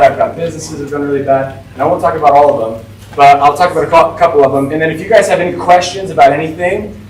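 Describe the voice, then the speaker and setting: A man's voice: a little high, distant mic, a little hiss or hum. A man of about forty, giving a casual, informal talk to a class as a guest speaker, with lots of "like" and "right?". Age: 40s. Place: school classroom. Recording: echoey room, voice from off-mic.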